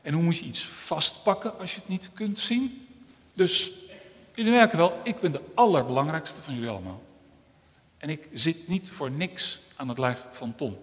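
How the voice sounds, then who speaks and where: A man voicing a proud, boastful talking eye in a children's story, speaking loudly and mockingly in a church with long reverb. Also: on the high side, expressive, normal speed, lightly acted. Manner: loud, bragging, mocking.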